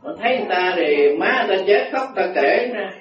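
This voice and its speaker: A man's voice: high voice, expressive, quick pace, crowd noise. A man, a Buddhist monk giving a dharma talk, telling folksy anecdotes and acting out voices with laughter. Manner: folksy storytelling, acts out voices, frequent laughter. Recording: echoey, distant, muffled hall recording.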